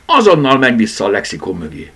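A man voicing a small sleepy girl who bosses her toys, in a high, breathy child voice. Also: huge pitch swings, a bit bright, exaggerated voice. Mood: indignant.

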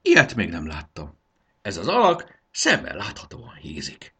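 A man's voice: low voice, huge pitch swings, bright, forceful tone, slightly rough, full character voice. A man doing an eager explaining young boy. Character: earnest know-it-all young boy.

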